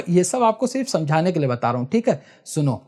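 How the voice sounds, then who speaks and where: A man's voice: high voice, big pitch swings. Patient man teaching prayer step by step. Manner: patient, repeats checks with listeners; slow, drawn-out chanting in recitations. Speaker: prayer instructor. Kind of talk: step-by-step religious tutorial.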